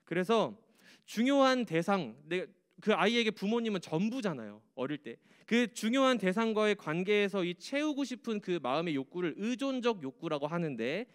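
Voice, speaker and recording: A young man preaching to high school students in a church, chatty and joking. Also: smooth. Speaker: youth pastor.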